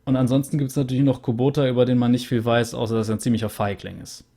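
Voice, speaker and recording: A young man hosting a let's play sums up a game in a casual, chatty, rambling way full of fillers, recording at home on a USB studio mic. His mid-range voice is mellow, with flat delivery and a fast pace.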